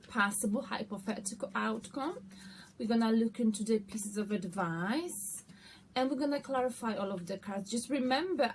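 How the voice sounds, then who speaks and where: A woman giving a casual, conversational tarot reading, often checking in with her listeners. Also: on the high side. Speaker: tarot card reader hosting an online reading. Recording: noticeable background noise.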